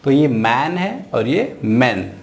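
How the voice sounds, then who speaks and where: Slow, patient Indian man teaching phonics. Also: medium pitch, very animated, a little hiss or hum. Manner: spells sounds out slowly, repeating each word. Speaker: English teacher.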